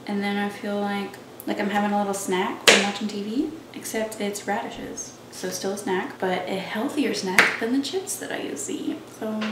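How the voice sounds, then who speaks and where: Chatty young woman, far from the mic. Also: mid-range voice. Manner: chatty, rambling, lots of "like". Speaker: vlogger. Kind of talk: casual cooking vlog chat. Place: home kitchen, indoors. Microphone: camera across the kitchen. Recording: roomy, distant kitchen audio with noise.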